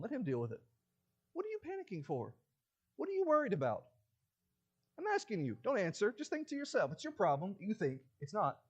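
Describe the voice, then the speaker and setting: A man preaching a sermon in a church, dramatic, shifting from loud rising challenges to low hushed lines and firing rhetorical questions at the congregation.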